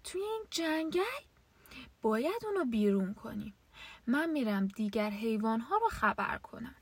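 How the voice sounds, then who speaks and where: A woman voicing small, gentle forest animals in a children's story, raising her voice into a lilting pitch. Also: very animated, husky, recorded from a distance, heavily acted.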